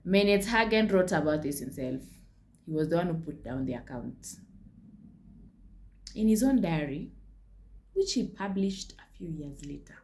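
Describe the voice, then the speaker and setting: Chatty Kenyan woman, low voice. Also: animated, measured pace, pauses often, a little mellow, a little hiss or hum. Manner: chatty, with frank asides and Swahili slips. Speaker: history channel host. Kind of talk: casual history vlog.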